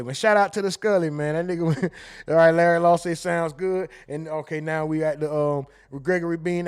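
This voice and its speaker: A man hosting a casual livestream, reading viewer comments aloud and reacting with quick asides and laughter. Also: sits high. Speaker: livestream host reading super chats.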